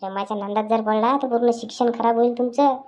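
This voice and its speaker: A woman's voice: a little high, steady tone, dark tone, faint music behind, close to an everyday voice. A woman voicing a grumpy grown village man. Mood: preachy advice. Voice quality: scolding, coarse, rapid grumbling.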